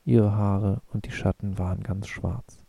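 A male narrator reading an audiobook in a measured, even way. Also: fairly low pitch, creaky, slightly rough, no room sound. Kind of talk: scripted narration.

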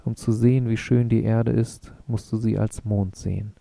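A male narrator voicing a thoughtful, earnest adult man, speaking in a calm, musing way in an audiobook reading. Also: on the low side, normal speed, creaky, dry recording. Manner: calm, musing, philosophical speech.

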